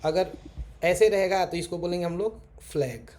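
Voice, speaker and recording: A man's voice: high-pitched, moderate pace, a little mellow. A man teaching chart reading, walking through examples step by step and saying "theek hai" again and again. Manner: repeats "theek hai" constantly, talks while drawing on charts. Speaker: trading teacher. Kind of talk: casual screen-share chart lesson. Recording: faint background noise.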